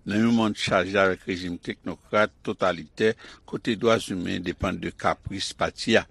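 Male news correspondent, low husky voice, measured read, dry close mic. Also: fairly even intonation, fairly bright tone, no echo. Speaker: news reporter.

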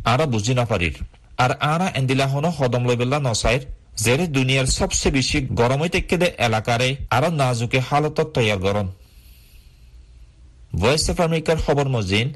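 A man works as a radio news presenter, reading a scripted bulletin in an AM shortwave broadcast style. His pitch sits in an ordinary middle range for a man.

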